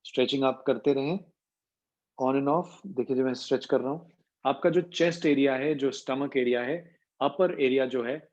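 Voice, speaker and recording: A male voice coach leads an online class and explains breathing and pitch step by step. His voice sits in a middle range. The call audio is muffled and lo-fi. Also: moderate pace, darkish tone. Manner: explanatory, mixing in English terms. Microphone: video call.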